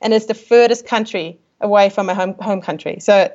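A woman in her twenties from Austria, whose accent blends Austrian with a tinge of New Zealand, chats casually as a guest on a podcast interview. She's a travel photographer who laughs often and keeps restarting her sentences. Her voice is medium-pitched and darkish at a moderate pace, and the audio sounds dull.

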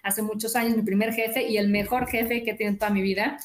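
A woman's voice: medium pitch, steady tone, fast. A woman, a sales coach and author, chatting in an upbeat way in an interview and acting out quoted dialogue. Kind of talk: casual interview chat. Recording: roomy echo.

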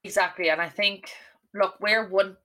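A woman's voice: mid-range voice, steady tone, normal speed, fairly bright tone. A young woman with an Irish accent, speaking earnestly and emphatically as a podcast host discussing current affairs.

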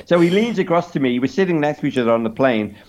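A man, a podcast guest, telling a story in an animated way, with lots of stammering restarts and swearing. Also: on the high side, fast.

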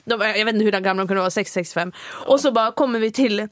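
A woman's voice: medium pitch, no room sound. A woman co-hosting a casual podcast, animatedly retelling a mishap between bursts of laughter. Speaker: podcast co-host. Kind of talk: casual storytelling chat.

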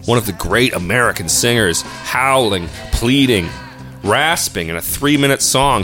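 A man's voice: lowish voice, fairly bright tone. A man co-hosting a music debate podcast, reading prepared arguments with a dry, sardonic wit. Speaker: podcast co-host.

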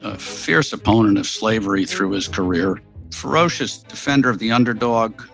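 A man's voice: lowish voice, normal speed, vocal fry, a bit bright, soft background music, low-quality recording. Enthusiastic male historian explaining. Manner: enthusiastic, casual storyteller with fillers. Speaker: historian guest. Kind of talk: interview explanation.

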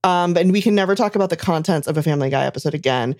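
A woman's voice: on the low side, rapid-fire, a little mellow. A woman co-hosting a podcast in casual chat, bossy and teasing. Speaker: podcast co-host.

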